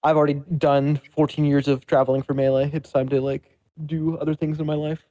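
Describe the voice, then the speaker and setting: A man's voice: a little high, little pitch movement, brisk, warm tone, no room sound, poor audio. A man in his thirties being interviewed as a game player, chatting casually in a practiced customer service voice. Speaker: competitive game player being interviewed after winning a tournament.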